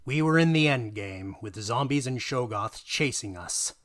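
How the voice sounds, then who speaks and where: With a medium-pitched, slightly bright voice and lively intonation, a man gives a dramatic reading of a tabletop gaming story. His narration is theatrical and emphatic, with pauses for effect.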